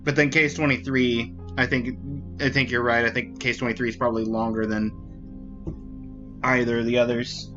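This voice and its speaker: A man's voice: mid-range voice, flat delivery, moderate pace, highs cut off, over music. A man streaming a puzzle game, chatting casually in a rambling way and often correcting himself. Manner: rambling, with frequent restarts and self-corrections. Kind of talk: casual commentary while playing.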